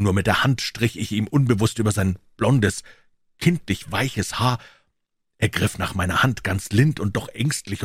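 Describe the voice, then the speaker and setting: Deep husky male audiobook narrator. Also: dry recording, studio quality. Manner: slow, earnest, emotionally charged delivery. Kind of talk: dramatic audiobook reading.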